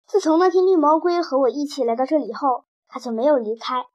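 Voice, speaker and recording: A woman narrating a children's storybook in the first person, with expressive, lively delivery. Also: sits high, fairly quick, lo-fi sound.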